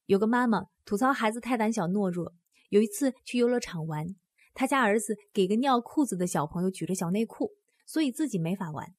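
A woman's voice: medium pitch, expressive, a little fast, no room sound. A woman giving a scripted book-explainer narration, earnest and speaking straight to the listener with questions.

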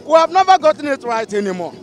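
Indignant middle-aged Nigerian man, very high pitch, street vox pop. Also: big pitch swings, fast, soft background music. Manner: indignant, rhetorical questions. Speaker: passer-by in street interview. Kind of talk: heated street opinion. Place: busy city street outdoors. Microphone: handheld mic held by interviewer.

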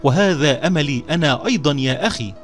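A man's voice: a little high, lively intonation, fast, soft background music, close to an everyday voice. A man voicing a touchy, proud younger vizier brother who speaks with an indignant, raised voice.

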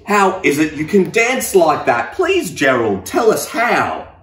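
A man voicing a crowd of jungle animals in a loud, brash chorus voice for a storybook reading. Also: a little high, wildly swooping pitch, a little slow, a little hiss or hum, voice pushed up, heavily acted. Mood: amazed. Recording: roomy echo, distant mic.

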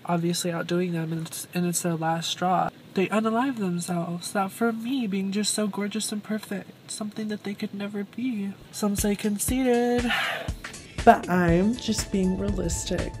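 Filming herself with her phone at arm's length, this young adult thrift vlogger talks in a bubbly, self-admiring way from her car and a thrift store. Her mid-range voice keeps a fairly even intonation at a measured pace, with music playing behind her on this noisy phone recording.

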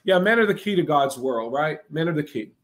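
A man's voice: on the high side, expressive, fairly quick. A man preaching to a live broadcast audience, with emphatic repetitive phrasing and frequent "right?" check-ins.

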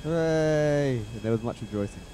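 A man's voice: fairly high pitch, moderate pace. A man, hosting a racing game session and keeping up a string of yelps and exclamations. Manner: keeps yelping 'oh' and cheering. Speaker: channel host playing a racing game. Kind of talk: casual gaming banter. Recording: steady game noise behind.

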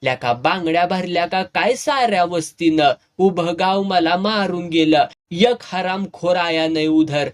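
A man's voice: high-pitched, measured pace, hardly any pauses. A man as a wailing bitter snake charmer. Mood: ranting.

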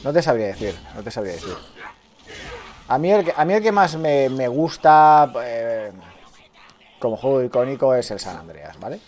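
A man's voice: mid-range voice, very animated, normal speed, a little mellow. A man from Spain with a Spanish accent, streaming a game live, swearing often and chatting with his viewers. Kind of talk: live gameplay commentary.

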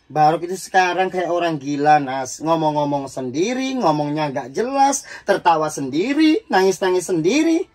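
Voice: medium pitch, expressive, normal speed, few pauses, darkish tone, natural voice. A performer voicing a fretful older sister in a comedy sketch. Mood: worried. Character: worried older sister Lela, young adult woman.

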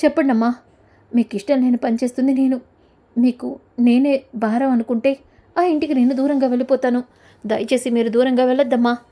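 A woman's voice: high voice, steady tone, a little fast, pauses often, warm tone. A woman reading the lines of a brave young daughter pleading with her mother in a retold TV serial. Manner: pleading, then crying out.

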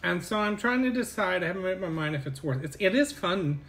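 A man's voice: high-pitched, animated, fast, fairly bright tone. A man hosting a casual snack unboxing, chatting candidly about the cost of the box. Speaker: channel host.

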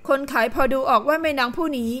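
A woman with a high voice narrates an audio novel, telling the story in a steady, even manner. Her delivery is scripted storytelling from start to finish. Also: fast.

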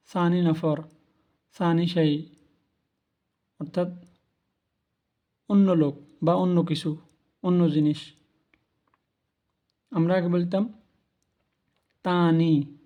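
A man's voice: on the high side, muffled recording. A man giving a spoken language lesson, patiently repeating each word for learners. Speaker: language teacher. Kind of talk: spoken lesson on Arabic pronunciation.

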